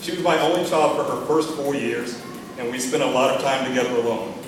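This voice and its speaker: A middle-aged American man from Texas gives a father of the bride speech at a wedding, sentimental and gently humorous in a measured delivery. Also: medium pitch, fairly even intonation, far from the mic. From Texas, United States. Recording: echoey room from afar, noisy.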